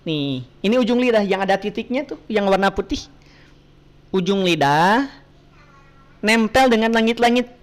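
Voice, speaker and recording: A woman's voice: mid-range voice, animated, normal speed, pauses often. A woman teaching Quran recitation in an online class, patiently asking her students questions and modelling pronunciation.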